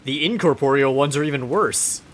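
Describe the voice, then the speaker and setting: This man hosts a casual let's play, chatting and rambling while muttering to himself as he games. His voice sits in the mid range, brisk and a little bright.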